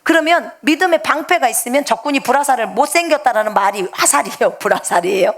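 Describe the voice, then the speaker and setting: A fairly high-pitched woman preaches to her congregation as a missionary. She jokes with them and talks to them directly. Her delivery jumps between loud, emphatic lines and quiet asides. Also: animated, quick pace. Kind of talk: afternoon church sermon.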